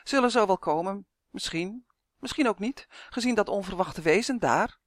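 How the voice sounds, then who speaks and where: A woman's voice: medium pitch, expressive, moderate pace, no room sound, clean studio sound, close to an everyday voice. A woman voicing a tiny, grumpy elf that lisps, in a storybook reading. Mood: sullen. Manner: lisping, grumpy and accusing. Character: small cranky genderless elf, lisping, quick to anger.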